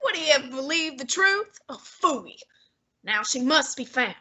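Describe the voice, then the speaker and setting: In a student radio drama, a woman plays a fussy, imperious, heavyset male detective, speaking in a haughty, deliberate, commanding way with a breathy tone. Her voice is high-pitched and bright with lively intonation and a forceful tone, heavily acted.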